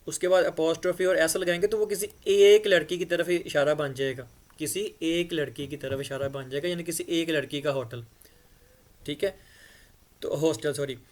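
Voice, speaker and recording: Male teacher, patient classroom explaining, slightly high voice. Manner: patient, repeats "ठीक है" often. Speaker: English grammar teacher. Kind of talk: explanatory board lesson.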